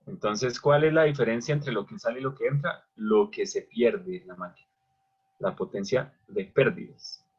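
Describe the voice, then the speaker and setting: A man's voice: medium pitch, normal speed, breathy edge. A man teaching an electrical machines class who keeps asking questions and answering them himself. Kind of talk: online lecture at a whiteboard. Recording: dull lo-fi recording.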